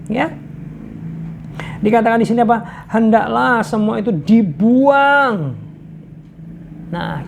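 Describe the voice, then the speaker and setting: A woman's voice: fairly low pitch, vocal fry, a little mellow, a little hiss or hum. A woman preacher giving a casual devotional sermon, exhorting and telling stories with frequent laughter. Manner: storytelling, exhorting; laughs often.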